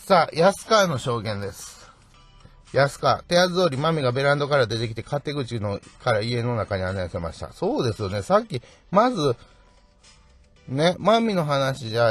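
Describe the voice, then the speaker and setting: This true-crime podcast host talks alone in a mid-range voice that has a breathy edge. His style is conversational, peppered with "ne" tags and wry asides.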